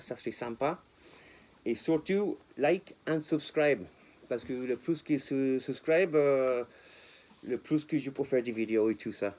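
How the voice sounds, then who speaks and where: A man's voice: medium pitch, dark tone. A man vlogging casually to his viewers in French with a non-native accent, speaking passionately, repeating himself and dropping English words in. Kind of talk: casual talk to camera.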